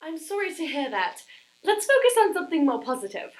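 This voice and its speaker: A woman's voice: sits high, very animated, fairly quick. A woman playing a prim, clever schoolgirl anchor. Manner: proper, a little prissy.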